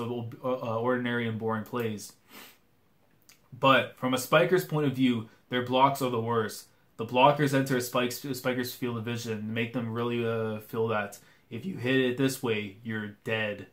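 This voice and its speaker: A young man reading a comic chapter aloud and reacting to it live, casual and excitable, full of slang. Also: mid-range voice, normal speed. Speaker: manga reaction host.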